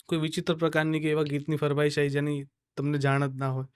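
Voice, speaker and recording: A man from Gujarat hosts a studio podcast, posing thoughtful questions with formal, complimentary phrasing. His voice sits a touch high and sounds smooth and resonant. The recording is close and dry. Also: monotone, quick pace, no echo. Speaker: podcast host. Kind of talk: interview questions. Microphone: studio podcast mic.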